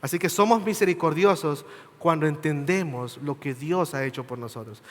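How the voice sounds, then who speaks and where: A man delivers a sermon in a voice pitched a little high. He talks earnestly, asking the congregation questions and checking in with short tags as he goes. The sound rings out with the long reverb of a large church hall. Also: moderate pace, fairly bright tone. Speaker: preacher.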